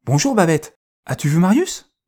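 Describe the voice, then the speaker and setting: A man's voice: fairly high pitch, big pitch swings, moderate pace, dark tone, slightly rough, voice pushed up. Storybook little dog, hopeful and eager, man reads it. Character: small devoted male dog, hopeful and anxious.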